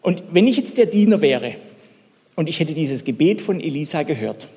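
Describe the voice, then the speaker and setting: A man preaching a sermon, telling a story and putting questions to the listeners, moving between loud and hushed delivery. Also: on the high side, lively intonation, normal speed, big-room sound.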